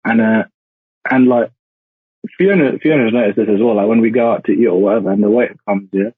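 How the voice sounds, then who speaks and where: This podcast guest is a law graduate in his twenties who grew up in India, dialing in remotely and chatting casually with many "like" fillers. His voice sits fairly low and sounds husky, moving a little fast. The recording is dry, with the thin, phone-like quality of a call.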